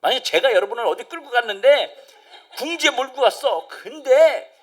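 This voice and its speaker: Male pastor, sermon, high and very lively pitch, acts out crowd voices, swings loud to hushed. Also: normal speed. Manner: animated, acts out crowd voices, drops to near-whisper. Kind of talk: Wednesday service sermon.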